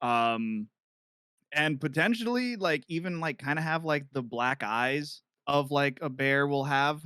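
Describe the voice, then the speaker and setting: Low, lively woman player, hesitant. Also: unhurried, smooth, no room sound, clean studio sound. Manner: hesitant, thinking aloud. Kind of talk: casual game chat.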